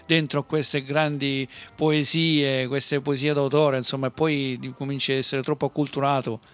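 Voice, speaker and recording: A man's voice: medium pitch, little pitch movement, moderate pace, fairly bright tone, clean tone. A man with a Roman Italian accent hosting a casual interview, bantering and teasing, often repeating himself. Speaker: talk show host. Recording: music playing behind the voice.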